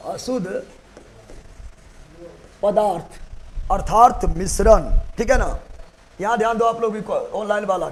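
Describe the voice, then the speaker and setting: A man's voice: high voice, slight background noise. A man teaching a chemistry class, repeating key words and quizzing students in colloquial Hindi with joking asides. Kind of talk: classroom lecture with call-and-response questions. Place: classroom, also streamed online.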